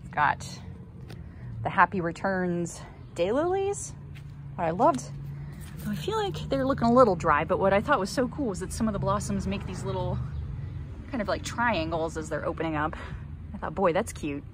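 A gardening vlogger in her thirties takes viewers on a laid-back, chatty garden tour outdoors, filming on a handheld phone and slipping in cheerful asides. Her mid-range voice is expressive, at normal speed, and she pauses often. The recording includes outdoor ambient noise.

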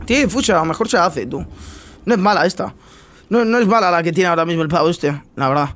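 High-voiced man commenting gameplay. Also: lively intonation, fast talker. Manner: chatty, slangy, bursts into loud teasing shouts. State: just woken up. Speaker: gaming streamer.

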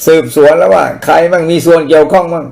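A man's voice: a little high, fairly even intonation, fast talker, vocal fry, a little mellow. A man giving blunt, profane political commentary in casual rant style, mocking and crude.

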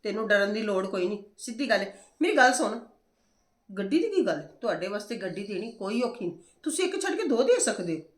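A woman acting as a forceful older sister-in-law in a family drama, firmly reassuring a worried relative. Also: medium pitch, big pitch swings, brisk, reverberant, close to an everyday voice. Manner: forceful and reassuring, talks down fears.

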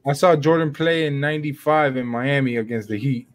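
A man's voice: medium pitch, fairly quick, crowd noise. Matter-of-fact man in his thirties. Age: 30s. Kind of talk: casual group chat on a video call.

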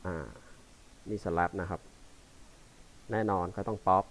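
A man teaching bass, explaining notation loosely and haltingly between examples played on the instrument. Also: fairly even intonation, soft background music. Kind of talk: casual instructional talk between playing. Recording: quiet voice under loud bass playing. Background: loud electric bass playing.

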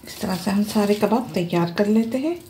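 A woman hosting a home cooking tutorial, calmly explaining each step as she goes. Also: medium pitch, moderate pace, noisy background. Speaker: cooking channel host. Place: home kitchen.

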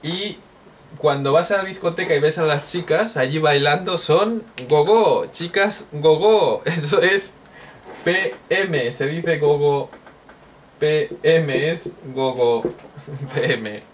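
Slow-talking male language teacher. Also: fairly high pitch. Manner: slow, repeats drill phrases, jokes and laughs. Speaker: Japanese teacher. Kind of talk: recorded language lesson. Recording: distant mic with faint noise.

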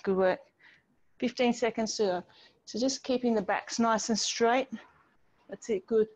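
With a slightly high, slightly mellow voice and measured pace, a middle-aged woman guides an online exercise class, moving with the group and encouraging them through each step. She's outside on a home patio with a garden wall. The distant device microphone on the video call produces dull, band-limited audio.

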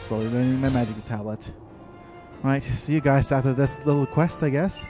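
A man thinking aloud over his video game in a rambling let's play commentary, full of fillers and pauses. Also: medium pitch, warm tone, soft background music.

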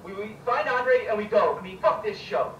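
A cocky, cursing TV host with a high, swooping voice that barks orders at his crew. The sound is dull and distant, heard in an echoey space. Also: lively intonation, normal speed, a bit bright, a little hiss or hum. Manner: cocky, profane, bossy. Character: brash foul-mouthed male TV show host. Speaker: game character.

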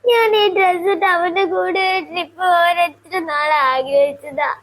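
A melodramatic young daughter-in-law from a cartoon, played by a woman. She wails in a very high, sobbing whine and slips English words in between her sobs. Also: a little slow, fairly bright tone, full character voice. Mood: tearful. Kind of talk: cartoon voice acting.

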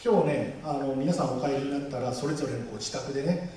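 Man, rally speaker, quick and lively with a raised pitch, heard from a distant mic in a booming hall. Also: a little hiss or hum. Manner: animated, jokey, acts out quoted voices. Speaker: guest speaker at a campaign rally. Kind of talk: public speech to a live audience. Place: large public hall. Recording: echoey hall, mic far off.

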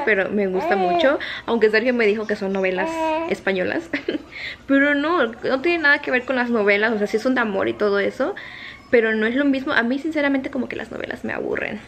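A young woman, rambling to camera in a casual vlog at home at night, keeping her voice low while others sleep. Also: slight background noise. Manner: chatty and rambling, with many fillers. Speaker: vlogger.

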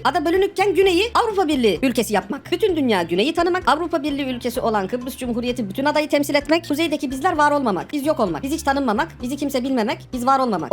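A woman summarizing history in clipped, telegraphic phrases built on bare verb forms. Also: high-pitched.

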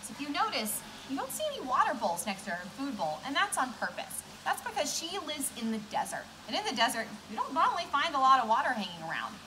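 A woman's voice: high voice, sing-song, fast, hardly any pauses, background noise. A woman in her twenties speaking as a cheery zookeeper, explaining things simply in an educational keeper talk for children. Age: 20s. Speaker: zookeeper presenting animal talks at a children's science center. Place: indoor room beside a reptile tank.

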